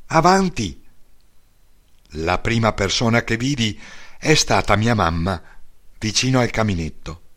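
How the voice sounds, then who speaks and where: A man reading his own memoir aloud in a measured, heartfelt way. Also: fairly low pitch, a bit bright. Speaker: memoir narrator. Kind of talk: slow, earnest memoir reading.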